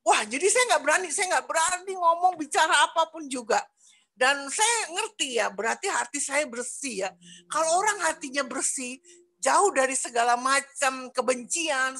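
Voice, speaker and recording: An older woman giving an emotional church testimony, her voice climbing high as she tells her story. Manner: emotional storyteller, voice rising high when excited. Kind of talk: personal testimony.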